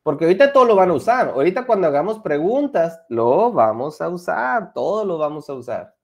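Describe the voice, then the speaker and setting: Lively bilingual teacher. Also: male voice, on the high side, a little fast, vocal fry. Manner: lively, mixes Spanish and English, coaxing students. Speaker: English teacher. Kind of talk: online class for children.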